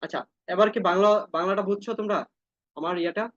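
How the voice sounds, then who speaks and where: A man with a high voice leads an online scripture class. He chants each verse slowly, syllable by syllable, then explains it briskly and tells his students to follow along. The audio is dry and a little dull, as on an online call. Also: fairly even intonation, no room sound. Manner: addresses students directly, asks them to follow along.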